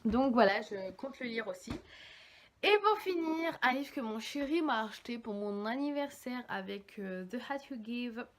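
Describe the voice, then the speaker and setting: A chatty young woman talks through a pile of books, rambling and correcting herself as she goes. Her voice sits fairly high, with a faint hiss of noise underneath. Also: normal speed. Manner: chatty, rambling, lively, many fillers and self-corrections. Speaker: book vlogger. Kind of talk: casual chat.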